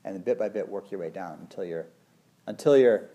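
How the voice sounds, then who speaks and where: A man's voice: sits low, brisk, warm tone, highs cut off. A man in his forties, a meditation teacher, talking in a thoughtful, meandering way, full of "you know" and "like". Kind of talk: casual conversation.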